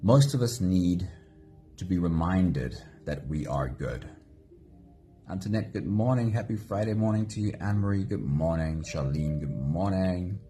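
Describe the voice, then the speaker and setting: A man hosting a live guided meditation, speaking gently and greeting viewers by name. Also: deep voice, expressive, a little slow, faint music behind. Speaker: meditation host.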